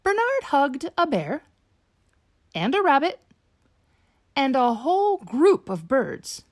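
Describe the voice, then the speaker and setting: In a dry, close recording, a woman reads a bedtime picture book to little children like a teacher, slowly and with animation. Her voice is high and bright with energy, gliding up and down through each line.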